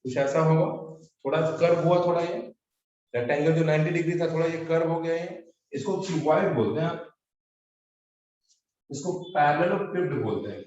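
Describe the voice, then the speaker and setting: A man's voice: a little high, normal speed, a little mellow. A male maths teacher lecturing a class. He repeats key terms and keeps asking the students whether they follow. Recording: distant, echoey, muffled classroom recording.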